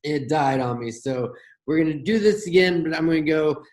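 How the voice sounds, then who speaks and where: A man hosting a trading channel, talking fast and loosely through a screen-share market rundown, with hiccups and gasps between phrases. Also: a little high, darkish tone, rough recording. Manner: fast, rambling, with fillers and restarts. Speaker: forex trading channel host.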